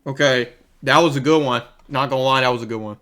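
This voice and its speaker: A man's voice: mid-range voice, steady tone, fast talker, fairly bright tone. A man streaming, reacting to videos with slangy, jokey quips. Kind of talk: casual reaction commentary.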